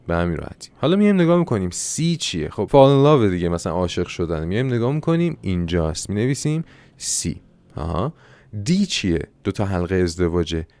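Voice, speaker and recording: A Persian-speaking man teaching an online English lesson, explaining answers step by step and slowing down to pronounce English examples. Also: on the low side, a little mellow, no echo.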